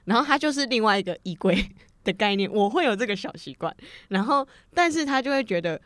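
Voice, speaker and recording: A woman's voice: mid-range voice, expressive, a little fast, a bit bright, no room sound. Young taiwanese woman rambling through a story, does little voices for both sides, dry close mic. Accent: Taiwanese Mandarin. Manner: chatty storyteller who acts out both sides of arguments, laughing often. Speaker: podcast co-host. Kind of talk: casual chat.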